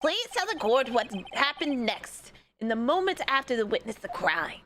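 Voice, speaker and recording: A woman reading courtroom game dialogue aloud in deliberately bad, hammy amateur acting, stumbling over words. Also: a little high, sing-song, fairly bright tone, slight background noise.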